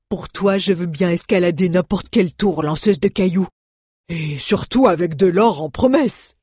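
A woman's voice: fairly low pitch, huge pitch swings, unhurried, a little mellow, slightly rough, no echo, studio quality, full character voice. A woman voicing a grumbling, greedy male dwarf in an audiobook reading. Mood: amused. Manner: grumbling, complaining.

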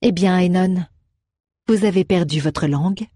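A poised young heroine, as a woman narrator voices her, calm and commanding with cutting sarcasm. The voice sits low and husky, recorded dry and close. She sounds fully in control in this audiobook scene. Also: a little slow, dry recording. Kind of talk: audiobook character voice.

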